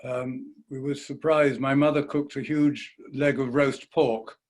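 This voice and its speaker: A man, a biographer, speaking at a panel event, hesitant and gently wry, often repeating words as he starts a thought. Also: medium pitch, fairly even intonation, a little slow. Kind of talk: panel talk, conversational.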